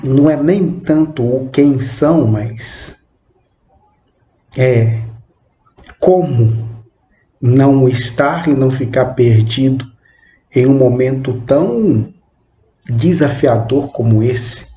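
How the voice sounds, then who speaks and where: A man in his twenties giving a reflective spoken monologue, with halting, measured phrasing and frequent questioning tag words. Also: mid-range voice, dark tone. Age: 20s. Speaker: channel host. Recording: roomy echo with faint background noise.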